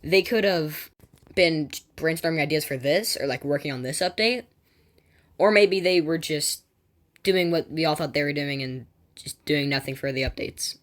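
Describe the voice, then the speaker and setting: A woman with a notably deep voice hosts a gaming channel in a loose, casual way. She reads news aloud, then drifts into excitable tangents, restarting sentences and padding them with filler words. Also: moderate pace. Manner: excitable, jumps between reading and personal asides. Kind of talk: casual commentary while reading game news aloud.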